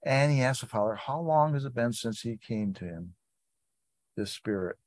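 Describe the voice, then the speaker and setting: A man's voice: mid-range voice, animated, normal speed, dry recording. A man leading an informal Bible study, reading scripture aloud and breaking off into conversational asides.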